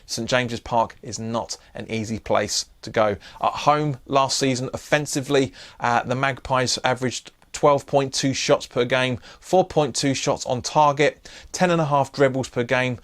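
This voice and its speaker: A man of middle pitch hosts a football preview, listing figures one after another. He talks steadily and corrects himself mid-word now and then. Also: moderate pace. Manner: reels off statistics with self-corrections. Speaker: football channel host. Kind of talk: match preview commentary.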